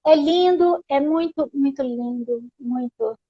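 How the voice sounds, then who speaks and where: A high-pitched woman takes her time, speaking gently and leaning on little questioning tags as she shares spiritual reflections. The audio is dull and lo-fi, as over a video call. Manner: soft, unhurried, tags phrases with "né?". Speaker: guest therapist. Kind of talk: casual spiritual conversation.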